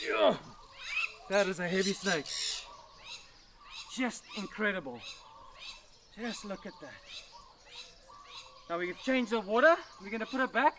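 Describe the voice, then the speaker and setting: A man's voice: high-pitched, a bit bright, slight background noise. Enthusiastic man at a sanctuary. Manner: enthusiastic, chatty, explaining as he handles a snake. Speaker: wildlife presenter. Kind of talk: casual outdoor wildlife vlog. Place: outdoor animal sanctuary with birds about.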